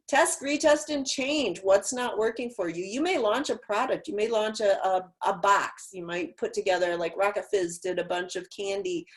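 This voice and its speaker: Woman webinar presenter, conversational and animated, lots of rhetorical questions, mid-range voice, computer mic. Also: medium pitch. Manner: lively, conversational, asks many rhetorical questions. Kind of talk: webinar talk.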